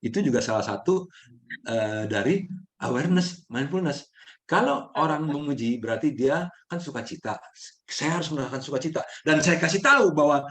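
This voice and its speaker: Man, middle-aged, mindfulness host, casual teaching, animated, fillers. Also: moderate pace. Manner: animated, jumps up high when acting out people; fillers and restarts, laughs often.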